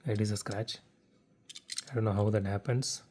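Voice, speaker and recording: A man hosting a casual model car unboxing vlog from his living room, talking haltingly with stutters and restarts. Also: lowish voice, fairly even intonation, darkish tone. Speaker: diecast model car unboxing channel host. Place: home living room without air conditioning.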